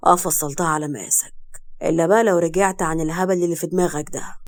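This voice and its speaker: A sly, icy police brigadier with an Egyptian accent, put on by a woman narrator, pitched low under her own voice. He mocks and threatens at a rapid clip, never warming. It is a storybook figure in a spoken crime tale. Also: fairly even intonation, lightly acted. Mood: sly mocking. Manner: mocking and menacing. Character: cold, sly middle-aged male police brigadier.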